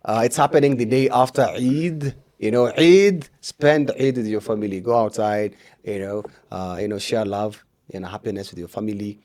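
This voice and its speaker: A man's voice: fairly low pitch, moderate pace, darkish tone. A Kenyan man, a comedian and radio presenter, chatting casually as an interview guest, upbeat and full of fillers and restarts. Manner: upbeat, code-switching, many fillers and restarts.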